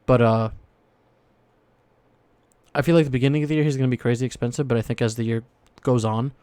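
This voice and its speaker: A young man talks in a rambling, excitable way as he co-hosts a casual podcast, trailing off and restarting his thoughts. His voice sits at a middling pitch, and the recording is close and very dry, with no room sound at all. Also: fast talker, smooth, no room sound. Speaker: podcast co-host. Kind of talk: casual chat about football cards.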